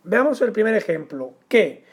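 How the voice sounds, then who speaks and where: A man teaching a grammar lesson, explaining at a measured pace and stressing the example words. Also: high-pitched, big pitch swings, husky.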